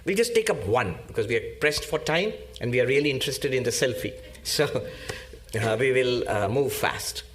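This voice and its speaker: A man giving a spiritual discourse as a monk, teaching slowly and emphatically with pauses and repetition. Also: medium pitch, lively intonation, a little hiss or hum.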